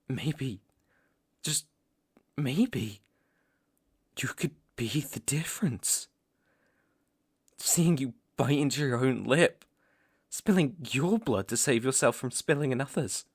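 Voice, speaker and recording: In an ASMR roleplay, a British-accented man plays a stern young vampire hunter, menacing but reluctantly protective, using deliberate pauses and sighs. His mid-range voice is slightly rough with lively intonation, fully in character, and he sounds grudgingly impressed.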